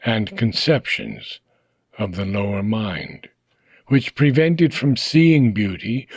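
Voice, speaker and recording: For an audiobook, a man with a medium-pitched voice reads a philosophical book in slow, measured phrases that trail off at the ends. The recording is dry.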